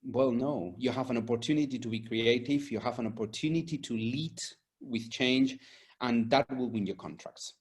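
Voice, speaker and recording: Being interviewed, an environmental and safety consultant from Argentina and Spain talks conversationally and earnestly at a moderate pace. Spanish is his first language, and his medium-pitched voice has a darkish tone.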